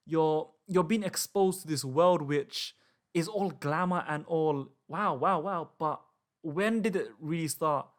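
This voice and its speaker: A male host speaks over a video call with a voice a little higher than usual for a man. He asks long, meandering questions in a relaxed, chatty way. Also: a little slow. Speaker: interview host. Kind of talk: casual interview questions.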